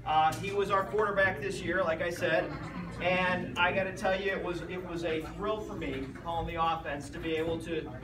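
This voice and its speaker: A man's voice: high-pitched, steady tone, normal speed, background noise. A middle-aged American man, a youth football coach, gives a rambling, anecdotal speech honoring a player, recorded from a distance in a roomy space. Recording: roomy, distant mic, loud music behind.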